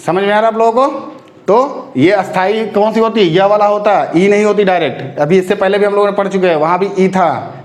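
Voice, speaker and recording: A man teaching an exam-prep spelling lesson, drawing words out slowly and often asking if students follow. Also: high voice, roomy sound. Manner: repeats words slowly to drill pronunciation; keeps checking if students follow.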